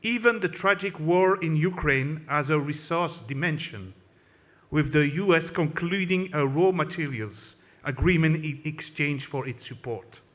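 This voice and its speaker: A French-accented man, French by first language, speaks in a fairly bright, animated voice that sits on the high side, never hurrying. His English political speech at a conference is heated, with many slips and restarts.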